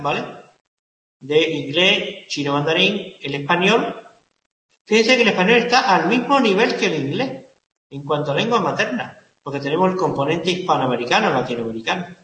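A man's voice: sits high, expressive, normal speed, pushed and bright. A male lecturer giving a classroom lecture, repeating key words and asking the class questions. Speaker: university lecturer. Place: lecture hall. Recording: echoey hall, lecture room reverb.

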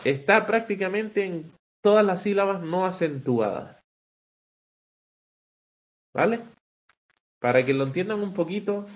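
Guy teaching a class online, keeps tossing in "vale", kinda high voice, dull lo-fi call audio. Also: a little slow, pauses often. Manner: conversational, checks in with frequent rhetorical "vale", hesitant restarts. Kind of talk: online class explaining English poetic meter.

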